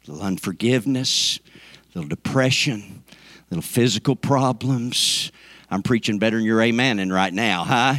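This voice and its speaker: A man's voice: on the low side, fairly bright tone, no echo. Folksy preacher man, dry sound. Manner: folksy, joking with the congregation, rising to emphatic peaks. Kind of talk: sermon. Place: church sanctuary.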